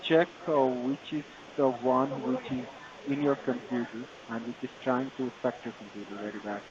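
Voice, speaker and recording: A man with an Indian accent giving a tech support pitch in a call-center manner, halting and repetitive in non-native phrasing. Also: fairly even intonation. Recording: dull lo-fi phone call, busy chatter behind.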